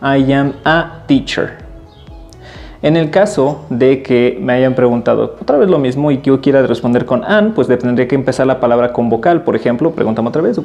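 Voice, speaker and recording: Mellow-voiced male English teacher. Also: mid-range voice, faint music behind. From Mexico. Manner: patient, repeats example phrases slowly and clearly. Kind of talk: English lesson taught in Spanish.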